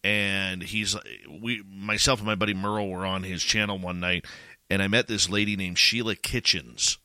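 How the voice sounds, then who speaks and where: Male, 40s, podcast host, very low and forceful-edged voice, dry sound, enthusiastic. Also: little pitch movement, moderate pace, clean tone, no echo. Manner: enthusiastic, friendly, repeats himself. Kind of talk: casual podcast chat.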